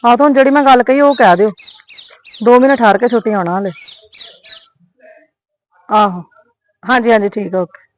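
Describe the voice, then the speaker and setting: A woman's voice: a little high, a little fast, pauses often, slight background noise, close to an everyday voice. A woman playing a young wife in a web series drama, placating but firm as she talks on the phone. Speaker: daughter-in-law.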